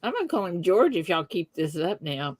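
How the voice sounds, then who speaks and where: A middle-aged woman with a Southern Texas accent hosts a live stream, chatting with her viewers in a giggly, easygoing way. Her voice sits on the low side and is sing-song, and she talks fairly quickly. There's no echo.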